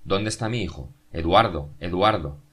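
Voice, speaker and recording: Audiobook prosecutor, anguished middle-aged man, deep and hushed, as a male reader puts him on. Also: moderate pace, slightly rough. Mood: frantic. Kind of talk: audiobook character reading.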